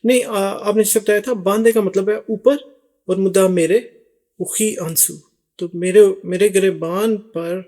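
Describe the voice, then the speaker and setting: A man with a high voice hosts a relaxed talk. He explains song lyrics word by word and lingers on each phrase as he repeats it. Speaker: host translating song lyrics. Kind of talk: casual explanatory chat.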